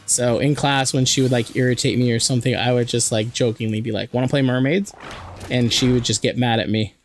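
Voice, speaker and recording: A man streaming a video game with a hoarse, sore throat, chatting and joking with his viewers over faint music. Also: medium pitch, flat delivery, fairly quick. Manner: chatty, joking, reads and answers chat. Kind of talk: casual live-stream chat while playing.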